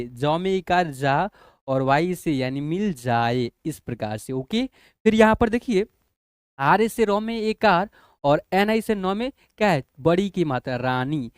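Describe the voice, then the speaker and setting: An English teacher with a smooth, high voice gives a classroom spelling lesson, patiently spelling out letters one by one and checking whether the students follow. The audio is studio quality with no echo.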